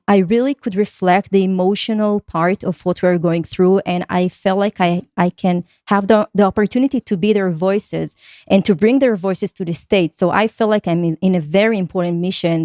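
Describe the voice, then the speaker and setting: A woman's voice: lowish voice, fairly even intonation, moderate pace, darkish tone, no echo, studio quality. A woman from Israel, a podcast guest speaking earnestly and reflectively in long, flowing thoughts. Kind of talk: conversational podcast interview.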